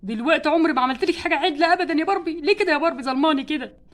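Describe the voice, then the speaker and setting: A woman's voice: sits high, rapid-fire, close to an everyday voice. A woman voicing a stingy, complaining husband doll in a doll play story, with an Egyptian Arabic accent. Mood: grumbling. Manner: complaining, exasperated about money. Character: stingy grumbling husband doll, adult man.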